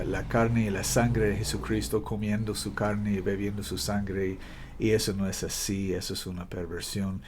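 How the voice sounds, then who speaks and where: A male preacher in Spanish, giving an emphatic, halting scripture sermon and correcting himself as he goes. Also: lowish voice, darkish tone, slight background noise. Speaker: preacher, minister.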